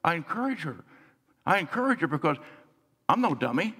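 A middle-aged man preaching a sermon as pastor, earnest, swinging between soft and emphatic delivery. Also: fairly high pitch, big pitch swings, fairly quick, slightly rough. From United States. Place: large church sanctuary, on stage. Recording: long church hall reverb.

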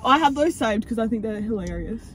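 A woman's voice: a little high, lively intonation, fairly quick, fairly bright tone, a little hiss or hum. A young woman with an Australian accent chatting casually with a friend, rambling, restarting sentences and swearing freely. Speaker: YouTuber host. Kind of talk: casual chat. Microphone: headset.

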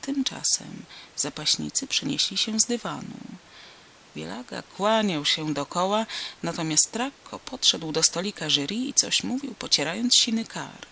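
A narrator reading a classic novel aloud as an audiobook, with lively expression. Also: mid-range voice, moderate pace, gravelly, slight background noise.

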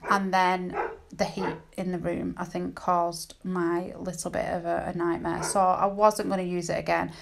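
A woman's voice: on the low side, level tone, moderate pace, creaky. A British woman giving a casual, chatty voice-over tutorial as a nail technician, candid and rambling, often interrupting herself. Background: dogs barking at times.

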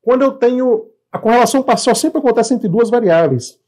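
A man's voice: extremely high pitch, lively intonation, a little fast, darkish tone. A man in his fifties from Brazil, an appraisal instructor giving an informal online lesson, asking and answering his own questions. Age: 50s. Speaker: real estate appraisal instructor.

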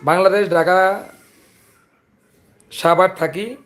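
A man with a rather high voice and a Chandpur Bengali accent hosts a relaxed live chat. He greets viewers one by one and keeps asking them to comment. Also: slow pace, soft background music. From Bangladesh, Chandpur. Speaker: livestream host.

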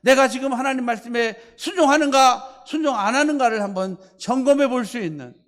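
A male pastor preaching a sermon, telling the story with animated acting and having the congregation repeat lines after him. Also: very high voice, a little fast, long reverb tail. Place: church sanctuary.

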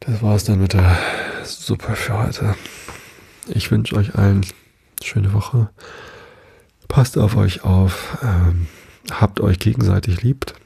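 A man hosting a sleep podcast, reading a story aloud slowly and soft-spoken. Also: on the low side, fairly even intonation, creaky, slightly rough, no echo. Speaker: podcast host and reader. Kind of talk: bedtime reading.

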